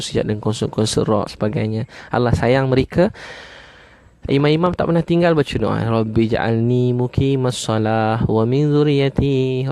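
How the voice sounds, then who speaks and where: A man preaching with a Malaysian Malay accent and a gravelly, fry-tinged voice. He drives each point home by repeating it, with frequent "ha" fillers and slow chanted prayers. The recording is dry and close, with no room echo. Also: medium pitch, a little mellow. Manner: chants Arabic prayers slowly. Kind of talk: sermon.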